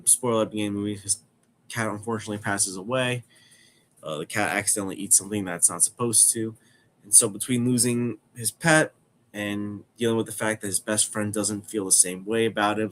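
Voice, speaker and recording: A man's voice: medium pitch, a bit bright. A man in his twenties with a cold and a stuffy, congested nose, giving a casual movie review and repeating phrases for emphasis. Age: 20s. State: has a cold. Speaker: film review podcast host.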